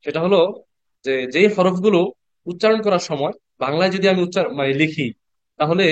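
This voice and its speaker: A man teaching Quran reading in an online class, patiently repeating letter sounds slowly and asking the class questions. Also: high-pitched, no echo, dull audio. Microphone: computer mic on a video call.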